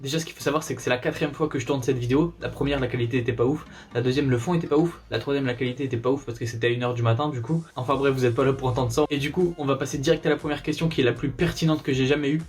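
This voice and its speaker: A young man with a light northern French accent talks quickly and casually, answering fan questions in a relaxed, slangy vlog style. His voice sits at a middle pitch, with faint music playing behind him. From northern France. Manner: chatty, slangy, laid-back. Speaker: YouTuber.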